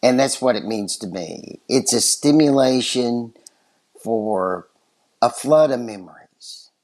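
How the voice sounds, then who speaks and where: A man's voice: medium pitch, animated, takes it slowly, a little mellow. A man with a West Texas twang, chatting casually and enthusiastically as a podcast guest. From West Texas, USA. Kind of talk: casual chat.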